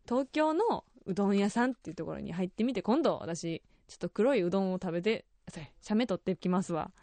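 A young woman with a Kansai accent hosts a radio show, lively and chatty, laughing often. Her middle-pitched voice is brisk and recorded dry and close on a studio microphone.

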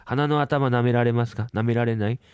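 A man's voice: steady tone, brisk, darkish tone, smooth, no echo, clean studio sound, lightly acted. A man performing rakugo plays a bumbling, cheeky young doctor's assistant chattering fussily at a bedside. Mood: fussy. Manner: fussy, chatty bedside talk, low-voiced. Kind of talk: rakugo storytelling.

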